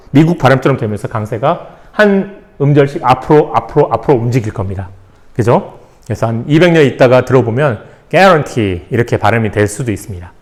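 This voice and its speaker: A man teaching English vocabulary in Korean, spelling words out letter by letter and asking rhetorical questions with playful asides. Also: fairly high pitch. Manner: playful asides and little jokes. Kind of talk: classroom-style vocabulary lesson.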